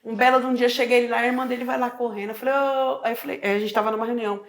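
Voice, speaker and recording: Brazilian woman telling a lively story. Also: a little high, very fast. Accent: Brazilian Portuguese. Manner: lively, acts out dialogue, frequent tag questions. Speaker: guest telling her story. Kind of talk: casual storytelling chat.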